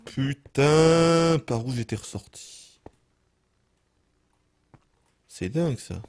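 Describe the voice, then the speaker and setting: Speaking at normal speed in a voice on the low side, a French-accented man streams a let's play. He chats casually to himself as he games and swears frequently.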